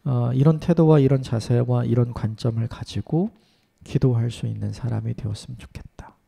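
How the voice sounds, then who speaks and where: A man preaching an early-morning sermon in an earnest way, his voice sometimes dropping to a soft whisper. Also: medium pitch, steady tone, moderate pace, creaky, breathy edge. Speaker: pastor.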